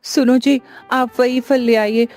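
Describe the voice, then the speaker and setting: A woman playing a gentle young village mother. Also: fairly high pitch, steady tone, takes it slowly, faint music behind. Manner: soft, reassuring.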